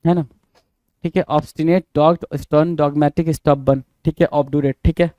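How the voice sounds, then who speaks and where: A man with an Indian accent teaches exam vocabulary in a mellow, fairly high voice. He repeats every word, spells it out letter by letter, and keeps quizzing the class. The sound is close and dry, with no room echo. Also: fairly even intonation, slow, muffled recording. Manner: repetitive, spells words letter by letter, quizzes listeners. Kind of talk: exam-prep vocabulary lesson.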